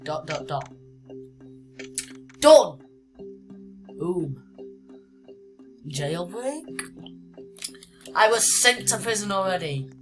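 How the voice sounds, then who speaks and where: A woman giving casual gameplay commentary as a YouTuber, chatty and reading on-screen game text aloud with lots of "uh"s. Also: lowish voice. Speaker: gaming YouTuber. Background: background music.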